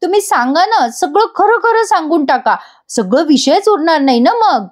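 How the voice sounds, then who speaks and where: A woman's voice: very high-pitched, lively intonation, moderate pace, voice pushed up. A woman voicing a cheeky young female student who pleads and teases. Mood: pleading. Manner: pleading, teasing.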